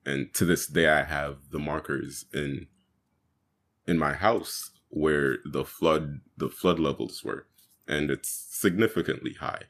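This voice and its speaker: A young man from Jamaica, a guest activist, talking earnestly in an interview with pauses to think. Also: extremely low pitch, steady tone, fairly bright tone. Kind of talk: casual interview talk.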